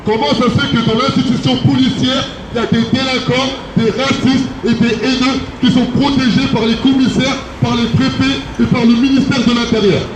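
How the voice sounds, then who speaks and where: A man's voice: very high voice, little pitch movement, normal speed, few pauses. A man from France, an activist giving an impassioned outdoor speech at a protest, insistently repeating each key phrase. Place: outdoors on a city street. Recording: echoey street with loud background noise.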